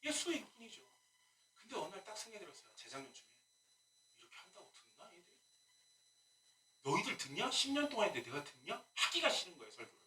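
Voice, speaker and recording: A male pastor preaching a sermon in a lively way, with rhetorical questions and humorous asides. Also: high-pitched, fast, long pauses. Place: church sanctuary. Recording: echoey room, mic at a distance.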